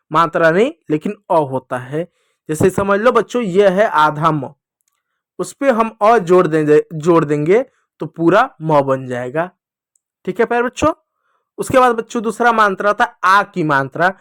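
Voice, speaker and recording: Man, high voice, dry close sound, patient children's teacher, repeats slowly. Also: fairly bright tone, no echo. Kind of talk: Hindi lesson for children.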